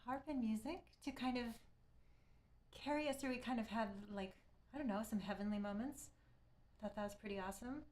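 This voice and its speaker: A woman's voice: fairly high pitch, brisk, darkish tone. A middle-aged woman chatting casually with viewers while wrapping up a live stream, rambling a little and thanking people as she goes.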